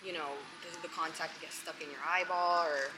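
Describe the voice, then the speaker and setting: A woman's voice: low voice, fairly even intonation, normal speed. A woman in her twenties chatting casually to the camera in a mukbang vlog, eating as she talks. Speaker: vlogger. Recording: loud background noise, vehicle-like ambience.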